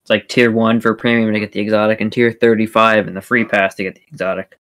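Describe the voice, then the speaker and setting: A man's voice: lowish voice, flat delivery, fast talker, a bit bright. A man co-hosting a casual gaming podcast, laid-back and blunt. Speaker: podcast co-host.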